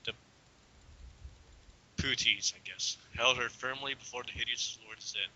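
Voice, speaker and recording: Reading a story aloud with amateur drama, this young man has a medium-pitched voice that is bright and forceful at a measured pace. He trips up occasionally and slips into offhand remarks, and his dull lo-fi home recording has slight background noise.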